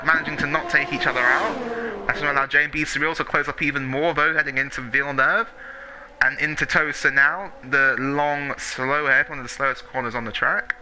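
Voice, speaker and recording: Casting: male motorsport commentator, slightly high voice, live play-by-play of online racing, clear car noise behind. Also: bright, forceful tone. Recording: clearly noisy, engine sound behind the voice. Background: racing car engines from the game.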